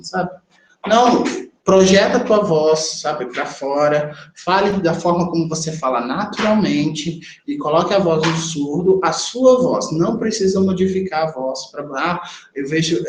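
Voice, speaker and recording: A man's voice: on the high side, a little hiss or hum. Man lecturing in an echoey classroom. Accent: Brazilian Portuguese. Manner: talks directly to students, checks in with them. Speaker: sign language interpreting teacher. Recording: echoey classroom with faint ambience.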